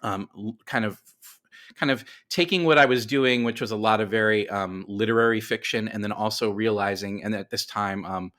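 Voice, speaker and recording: A fairly bright, lowish male voice at a moderate pace belongs to an American man in his forties. As an interview guest, he shares stories conversationally, rambling and often making light of himself.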